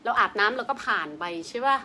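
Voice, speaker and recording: A woman yoga teacher talks her viewers through a massage routine in a loose, chatty way, counting the repetitions out loud. Her voice sits a little high and sounds bright and forward. It is picked up on a home live-stream mic, with a faint hiss and some room sound behind her. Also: animated, quick pace. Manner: chatty and informal, counting reps aloud. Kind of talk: live-streamed yoga lesson, casual chat. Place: on a bed at home, seated. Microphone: webcam or phone on a live stream.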